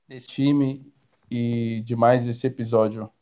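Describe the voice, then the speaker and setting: A man with a Brazilian Portuguese accent commenting on a sports podcast, relaxed and slangy. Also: mid-range voice, takes it slowly, smooth. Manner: relaxed, slangy, laid-back. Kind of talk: casual sports podcast chat. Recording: dull lo-fi sound.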